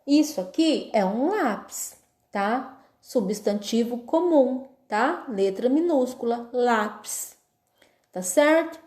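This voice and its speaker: A woman's voice: a little high, lively intonation, slow, a little mellow, roomy sound. A woman with a Brazilian Portuguese accent teaching a class lesson, explaining patiently step by step and often checking that her pupils follow. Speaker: schoolteacher.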